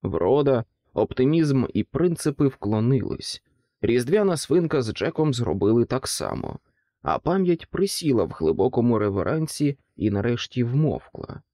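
Expressive male audiobook narrator. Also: medium pitch, normal speed, dry recording, studio quality. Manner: expressive storytelling.

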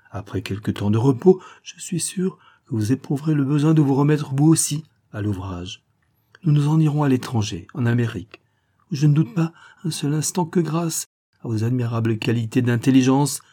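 A man's voice: medium pitch, dark tone, slightly rough, natural voice. A man reading a novel aloud, voicing a devoted young daughter who pleads earnestly with her father. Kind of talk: audiobook character reading.

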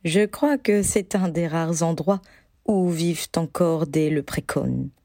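A woman voicing a quiet adult wizard who muses in a low voice. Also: slow, no echo, clean studio sound. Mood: musing. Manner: low and musing.

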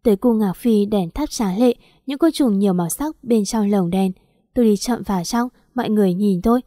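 A woman narrating a first-person audio story in an even, unhurried way. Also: medium pitch, no room sound, studio quality.

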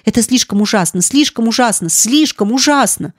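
In this studio-quality audiobook dialogue with no room sound, a woman voices a terrified young maid. She pleads frantically at a normal speed, her animated delivery full of breathless sobs and high-pitched cries.

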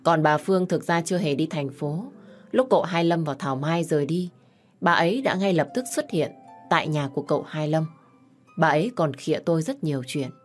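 A woman tells a first-person story in a calm, steady voice that sits a little low. Faint music plays under her narration. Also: a little fast.

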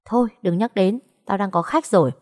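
A woman voicing a carefree young woman in a storybook reading, bold and jokey, her voice raised higher. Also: fairly quick, darkish tone, close to an everyday voice. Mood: teasing. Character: cheeky carefree young woman, teasing and playful.

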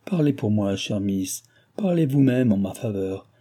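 A man's voice: lowish voice, expressive, a little slow, warm tone. A man voicing a distraught young woman who pleads and sobs at a sick friend's bedside. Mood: desperate. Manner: pleading, sobbing, exclamatory.

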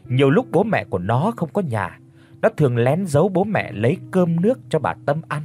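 A man reading a dramatic story aloud as an audiobook narrator, expressive throughout. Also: fairly high pitch, a little fast, soft background music.

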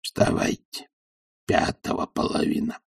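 A man voicing a stubborn old male servant who mutters and grumbles in a low, half-whispered voice, in an audiobook. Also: a little slow, dry recording, studio quality, natural voice. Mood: muttering.

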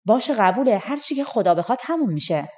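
A woman's voice: on the high side, big pitch swings, dark tone. A woman doing a poor, earnest farm boy. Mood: eager. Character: poor young farmhand boy, glum and earnest.

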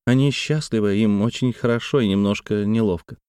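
A man reading a young woman's lines in a story, speaking with bright, quick exclamations. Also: on the low side, clean tone, no room sound, studio quality, natural voice. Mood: earnest. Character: young woman, lively, earnest and teasing.

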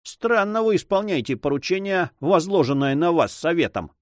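A man's voice: fairly high pitch, expressive, moderate pace, no echo, pitched above the performer's own voice, natural voice. Audiobook villain: a haughty, mocking nobleman, read by a male narrator, close and dry. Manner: ironic and haughty. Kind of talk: audiobook reading.

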